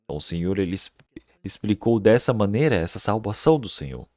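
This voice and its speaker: Earnest low-voiced male pastor preaching. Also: expressive, fast talker, a little mellow, dry recording, studio quality. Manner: asks the congregation rhetorical questions; earnest, emphatic preaching with repeated words. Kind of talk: Sunday sermon. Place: church service.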